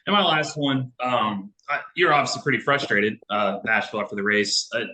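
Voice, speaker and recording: A man's voice: medium pitch, fairly quick, bright, forceful tone, rough recording. A man, a reporter, asking a driver long conversational questions over a video call. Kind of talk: press conference question.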